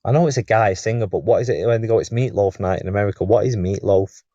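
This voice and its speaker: A man's voice: fairly low pitch, fast talker, dark tone, no echo, dull audio. A man with an English accent trading dry, sardonic quips in casual podcast banter. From England.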